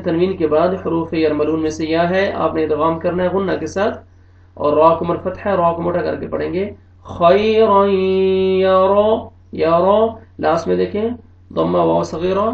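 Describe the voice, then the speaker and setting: A male Quran teacher with an Urdu-speaking accent, spelling out letters and vowels and then slowly drawing out each joined word, with brisk explanations of the rules in between. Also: on the high side, creaky. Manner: quick, matter-of-fact explanations of rules between readings. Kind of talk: recorded online recitation lesson. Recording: dull, roomy home recording.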